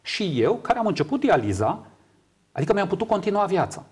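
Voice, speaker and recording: A man's voice: sits high, very animated, a little mellow, breathy edge. A man in his fifties from Romania, explaining things emphatically as a guest in a studio interview. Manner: emphatic, repeats words for agreement. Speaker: interview guest, kidney patient advocate. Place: small TV studio, indoors. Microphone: lapel mic.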